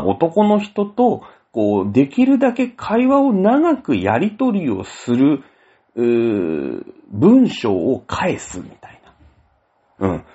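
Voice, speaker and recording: Male host, hugely animated pitch, husky tone, lo-fi audio. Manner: rambling, animated storytelling with many fillers. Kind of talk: casual solo talk. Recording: dull lo-fi audio.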